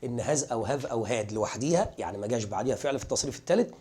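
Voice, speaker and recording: A man's voice: medium pitch, lively intonation, very fast, mellow, slightly rough. A man with an Egyptian Arabic accent teaching English grammar for exam prep, quizzing his students and repeating the key points with emphasis.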